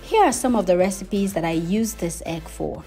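A woman's voice: on the low side, expressive, moderate pace, warm tone, faint music behind. A woman hosting her cooking channel, giving friendly step-by-step instructions in a voice-over. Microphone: voice-over, not recorded on camera.

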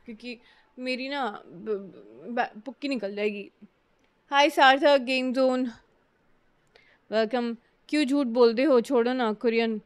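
An Indian woman streaming live from home speaks in a slightly high, smooth, clear voice. She talks slowly and loosely, drifting between Hindi and English as she chats with her viewers. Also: fairly even intonation. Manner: chatty, mixes Hindi and English, greets and answers chat. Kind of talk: casual live-stream chat. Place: room at home with a ceiling fan running.

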